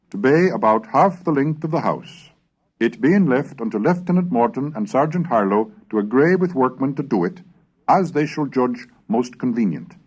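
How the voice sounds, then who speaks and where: A man with a mid-range voice narrates a recorded history lesson from a script, reading in a formal, measured, and expressive way.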